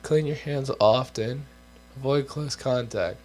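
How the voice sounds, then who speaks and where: Reading out health guidelines on a laid-back co-hosted program, a young man from the US adds joking asides while his voice gives out. It's mid-range with a darkish tone, and he talks a little slowly.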